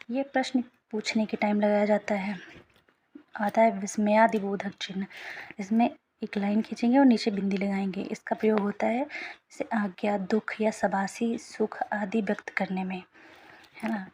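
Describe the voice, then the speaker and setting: A woman's voice: mid-range voice, darkish tone, slight background noise. A young woman teaching a Hindi grammar lesson, patient and often half-whispering, checking in with her students as she goes. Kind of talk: explaining a lesson.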